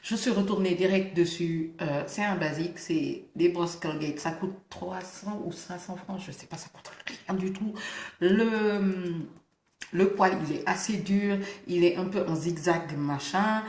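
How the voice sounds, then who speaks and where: A woman gives casual beauty advice to her viewers. She lisps, so her s sounds slide toward a slushy sh. Her delivery is informal and emphatic, dotted with English interjections, and the room adds a clear echo. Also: on the low side, measured pace, darkish tone. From Senegal. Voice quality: lisp, slushy sh-like s. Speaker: beauty vlogger. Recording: roomy, echoing indoor sound.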